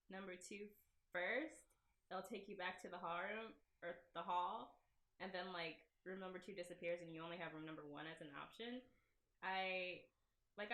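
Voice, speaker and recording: A game creator plays through her own visual novel in a casual, giggly let's-play, shifting between self-deprecating asides and reading the story text aloud. Her voice is fairly low in pitch with a fairly bright tone. The room sounds echoey.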